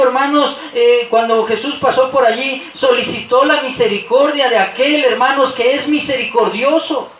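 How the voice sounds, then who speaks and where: High-voiced pastor preaching passionately. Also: male voice, lo-fi sound, a little hiss or hum. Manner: impassioned, swings between loud peaks and soft low asides. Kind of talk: Sunday sermon. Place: church sanctuary. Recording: roomy church hall, voice from a distance.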